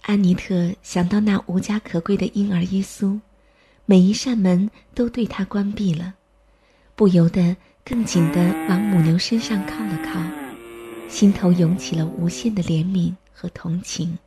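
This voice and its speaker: Mellow woman reading a storybook. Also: lowish voice, steady tone, measured pace. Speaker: narrator. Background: faint music.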